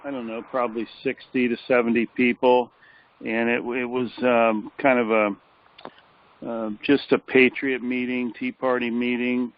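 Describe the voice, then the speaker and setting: A tired man on a phone call, reporting on a meeting in a flat, hesitant way with many fillers. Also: mid-range voice, unhurried, no echo. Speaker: caller giving a meeting report. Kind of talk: casual chat. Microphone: telephone. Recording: dull phone line.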